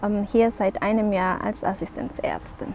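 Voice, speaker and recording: A woman in her thirties from Costa Rica, an assistant doctor, speaking thoughtfully in a documentary interview and pausing to find words. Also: medium pitch, fairly even intonation, darkish tone, a little hiss or hum. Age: 30s.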